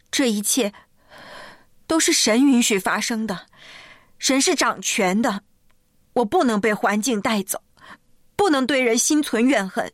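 A woman's voice: fairly high pitch, dry recording, clean studio sound, pitched above the performer's own voice. A woman voicing a hurt, defensive young woman who holds back tears and speaks with aggrieved insistence. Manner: aggrieved, pleading, then forced calm. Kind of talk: storybook character voice.

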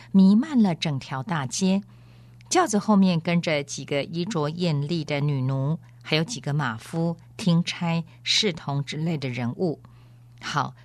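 Role: radio host. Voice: expressive woman reading aloud, dry sound. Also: deep voice, dry recording. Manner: expressive storytelling. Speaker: radio program host and reader. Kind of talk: scripted narration of a novel.

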